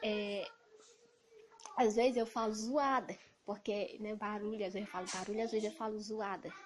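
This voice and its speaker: A woman from Ceará with a Cearense Brazilian accent, talking loudly and emphatically in an indignant casual monologue to camera. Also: mid-range voice, steady tone, normal speed. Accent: Cearense Brazilian Portuguese. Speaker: evangelical vlogger. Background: noisy children.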